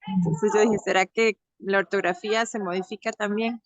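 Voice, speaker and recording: A woman's voice: medium pitch, fairly even intonation, moderate pace, no echo, dull audio. A woman in the audience asking a curious, polite question at an online talk. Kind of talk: question to the speakers.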